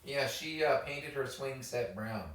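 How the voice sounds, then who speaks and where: A man's voice: medium pitch, a little slow, a bit bright. A man co-hosting a casual chat as a priest, joking and teasing. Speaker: priest co-host. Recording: echoey room, mic at a distance.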